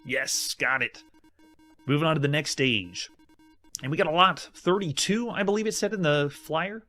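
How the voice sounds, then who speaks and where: A man's voice: fairly high pitch, normal speed, sharp tone, soft background music. Enthusiastic man hosting a retro gaming stream. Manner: enthusiastic, chatty, frequent laughs. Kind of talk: casual live-stream game commentary.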